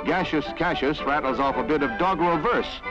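Man narrating an old newsreel. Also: on the high side. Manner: brisk, punchy announcer delivery. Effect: old newsreel sound. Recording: lo-fi 1960s newsreel audio with music. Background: music score.

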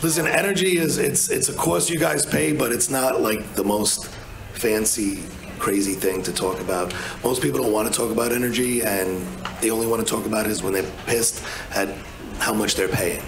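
A man's voice: lowish voice, moderate pace, vocal fry, echoey room, noisy background. A man, talking bluntly and casually on a conference panel, with many restarts. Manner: blunt, chatty, with many restarts and "you know". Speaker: energy advisor on a conference panel. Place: large hotel conference room.

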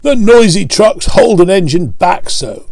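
A man voicing a big, proud male steam engine who grumbles and complains, in a high raised voice. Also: sing-song, measured pace, gravelly, a little mellow, dry recording, clean studio sound, full character voice. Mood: sulky.

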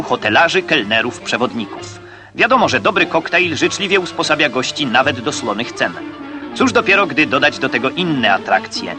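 A man narrating an old 1960s newsreel in a crisp, declamatory way, occasionally wry. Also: medium pitch. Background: music.

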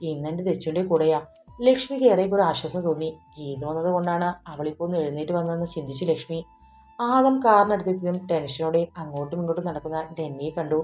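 A woman narrating a romantic audiobook in a steady, even reading voice. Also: deep voice, fast talker, faint music behind. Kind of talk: storybook narration.

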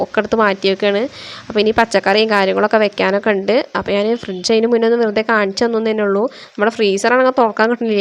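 A young woman from Kerala in India narrating her family vlog as a voice-over recorded at home, in a chatty, homely way. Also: mid-range voice. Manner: chatty, homely, reassuring tag endings. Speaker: family vlogger.

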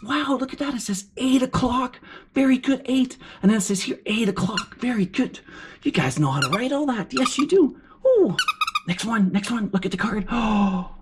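A woman voicing an excitable, encouraging furry puppet as a kids show host, with gasps and exclamations while teaching children. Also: on the high side. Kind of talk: children's lesson, sing-out praise and questions. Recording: clear background noise.

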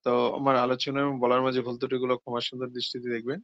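A man giving a devotional talk on scripture, posing questions and answering them himself, with hesitant pauses and self-corrections. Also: medium pitch, little pitch movement, a bit bright, no echo, lo-fi sound. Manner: explains with rhetorical questions and answers. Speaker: seminar speaker on scripture.

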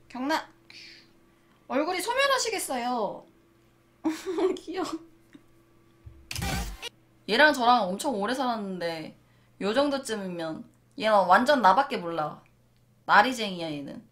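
A young woman talks to her cats in a cooing, mock-polite way, as if she were a masseuse serving customers. Her voice sits high and swings widely up and down. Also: lively intonation, a little slow, pauses often, fairly bright tone. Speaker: pet vlogger. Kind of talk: playful chat to her cats.

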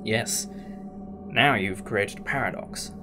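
In a fan audio drama, a man plays a thoughtful, reassuring alien time traveller who explains things in a musing, conversational, teacherly way. His voice is lowish and his pace slow, against heavy background noise.

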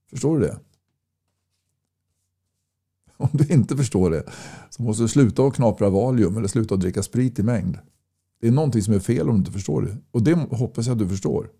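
A man's voice: medium pitch, dark tone. A man campaigning in casual talk to camera, blunt and folksy, pressing his points with repeated rhetorical questions. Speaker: political campaigner. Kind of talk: casual direct-to-camera talk reading viewer comments.

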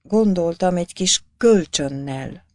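A woman's voice: fairly low pitch, animated, a little mellow, dry recording, lightly acted. Woman doing a meek, stammering poor peasant man. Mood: humble.

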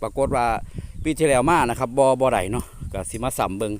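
A man's voice: medium pitch, quick pace, a little hiss or hum. A man with a northeastern Thai Isan accent, hosting a casual outdoor vlog in rural fields and chatting to his viewers. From northeastern Thailand. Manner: chatty, addresses viewers often, peppers talk with tag particles. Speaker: vlogger host.

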